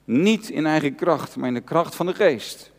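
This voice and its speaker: A man's voice: fairly high pitch, animated, normal speed. A male pastor preaching an earnest, personal sermon, repeating key phrases for emphasis. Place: church hall. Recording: long church reverb.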